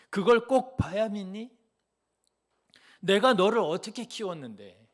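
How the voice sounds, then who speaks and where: A man's voice: high voice, pitched above the performer's own voice. A man voicing a hurt, indignant parent who reproaches a child for doubting them. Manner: reproachful, rising to loud exasperation.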